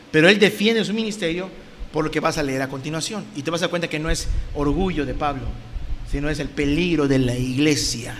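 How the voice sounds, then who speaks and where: A man's voice: high-pitched, slight background noise. A man preaching a sermon, reading scripture aloud and explaining it with emphatic, rising delivery and mocking asides. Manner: emphatic, rising to loud declamation, mock voices for critics. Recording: reverberant hall, faint ambience.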